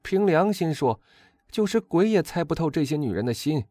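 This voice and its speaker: Man voicing a loud, excitable young dandy. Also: normal speed, no room sound, studio quality. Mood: exuberant. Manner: loud exuberant high-pitched chatter.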